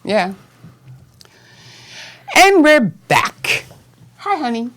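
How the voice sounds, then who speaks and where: A woman hosts a casual interview, chatty and quick to laugh. Her pitch moves about in a lively way as she throws out her questions. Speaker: host.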